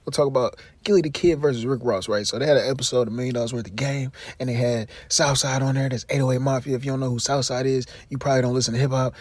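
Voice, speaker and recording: A man's voice: medium pitch, a little mellow, no echo. A man giving casual commentary on his channel, talking straight at the person he criticizes and calling him bro in a rambling, exasperated way. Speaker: vlogger commentator.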